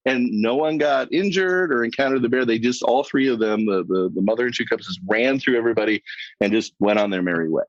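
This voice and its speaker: A middle-aged man, a podcast guest, telling lively anecdotes in conversation and laughing as he goes. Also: medium pitch, brisk, no room sound. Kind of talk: storytelling in a podcast interview. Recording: dull lo-fi sound, dry.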